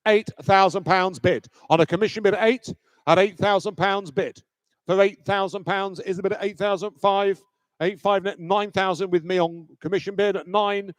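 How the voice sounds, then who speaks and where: Male auctioneer, notably high voice, dry close sound, firm repetitive sales patter for a live auction. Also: fairly even intonation, normal speed, dry recording. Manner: repetitive chanting of bids, firm and commanding. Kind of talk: live auction bid-calling with repeated numbers. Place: live auction sale room.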